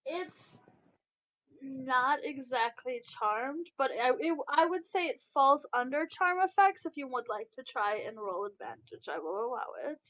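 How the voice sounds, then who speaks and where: High-voiced woman game master. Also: lively intonation, measured pace, a bit bright. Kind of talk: running a tabletop game. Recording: dull lo-fi mic, dry.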